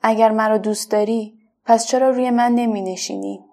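A woman voicing a lonely, gentle artificial red flower in a children's story, speaking softly and wistfully. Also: on the high side, steady tone, vocal fry. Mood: hopeful. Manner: soft, wistful, quietly pleading.

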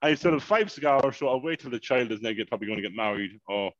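Animated man telling a story. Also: mid-range voice, quick pace, no echo, lo-fi sound. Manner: animated, swears freely, repeats "mayhem" and "unbelievable". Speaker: podcast co-host. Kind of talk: casual storytelling chat.

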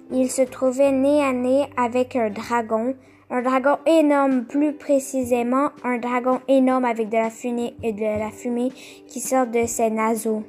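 Woman reading a kids picture book out loud, super slow, a bit high, faint music under it. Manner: slow, careful, explains the pictures. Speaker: storyteller. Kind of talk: reading a children's book aloud.

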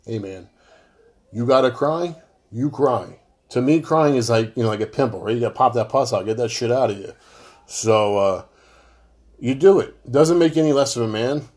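A man's voice: medium pitch, normal speed, a little mellow. Blunt heavy-hearted New man. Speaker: show host talking to fans. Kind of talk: personal monologue to camera.

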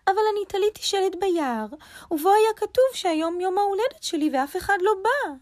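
A woman voicing a fretful, easily confused little male rabbit in a high, squeaky voice that sounds a little cross and a little sad. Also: very animated.

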